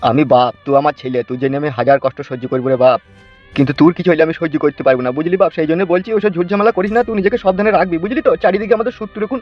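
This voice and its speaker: A man's voice: a little high, rapid-fire, muffled recording, faint music behind, natural voice. A man voicing a wounded, anxious cartoon father. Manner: hushing, pleading caution. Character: wounded worried father in hospital.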